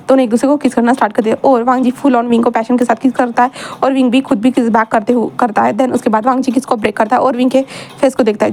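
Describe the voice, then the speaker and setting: A woman's voice: on the high side, darkish tone. A woman narrating a fan fiction story in a chatty, repetitive way. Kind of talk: reading fan fiction aloud.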